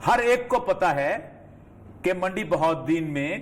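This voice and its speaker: Man, political commentator, high-pitched voice, emphatic lecturing delivery, studio talk show. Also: expressive. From Pakistan. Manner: emphatic, lecturing, rising forcefully on key points.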